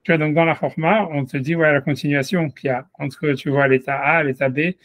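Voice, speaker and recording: A man teaches a casual Torah class, his voice pitched a little high. He circles his points with constant fillers and false starts. The sound is close and dry, with no room echo. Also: steady tone, a little fast, a bit bright. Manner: rambling, many fillers and restarts, tutoyant the listener. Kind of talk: informal Torah lesson.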